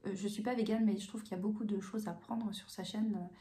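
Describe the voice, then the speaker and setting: A woman hosting her coloring channel, chatting casually in answer to viewer questions at home, calm and hesitant with many fillers and restarts. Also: mid-range voice, a little fast. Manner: calm, even delivery. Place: home room with bookshelves. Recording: roomy echo.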